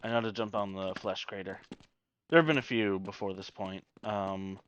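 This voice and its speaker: A man's voice: fairly low pitch, steady tone, normal speed, fairly bright tone, muffled recording, a little hiss or hum. A man giving casual gameplay commentary, thinking aloud in a hesitant way. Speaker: gamer.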